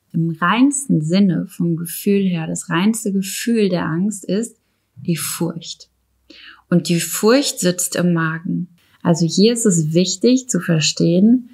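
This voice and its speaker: A woman's voice: fairly low pitch, gravelly, a little mellow, breathy edge. A woman giving spoken step-by-step instruction in a reflective manner, addressing the listener formally. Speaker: instructor explaining emotions and breathing techniques.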